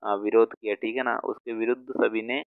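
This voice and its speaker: A man with a low, flat voice explains word meanings in a slow teaching manner, repeating each word as he writes it down. The sound is thin and phone-like, with a dry, close feel and clean diction. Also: dry recording. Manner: slow, repeats words while writing them out. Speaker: vocabulary teacher.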